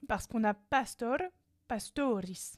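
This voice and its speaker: A woman's voice: on the high side, takes it slowly, no echo, clean studio sound. A woman student giving short answers to her teacher's questions in a lesson.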